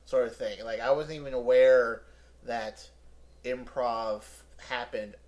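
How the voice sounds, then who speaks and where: A man's voice: medium pitch, steady tone, slow pace, a little mellow. Man chatting casually as an interview guest. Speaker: interview guest, improv comedian. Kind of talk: casual chat, personal anecdotes.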